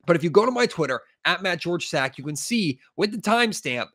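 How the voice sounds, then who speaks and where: A man's voice: high voice, big pitch swings, a little fast, fairly bright tone. A man with a stuffy, congested cold, hosting a sports podcast in an emphatic, frustrated way with plenty of fillers. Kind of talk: casual sports podcast commentary.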